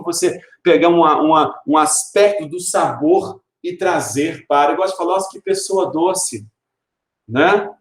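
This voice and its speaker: Brazilian man teaching in an echoey room. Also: a little high. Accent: Brazilian Portuguese. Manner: explanatory, asks rhetorical questions and answers them; reads verse slowly and stresses sounds. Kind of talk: recorded literature video lesson.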